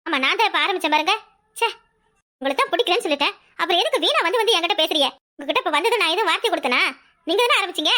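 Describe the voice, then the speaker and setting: Woman, Kanyakumari Tamil accent, cartoon voice artist, sharp retorts, very high, bright. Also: animated, rapid-fire. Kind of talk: comic village cartoon dialogue.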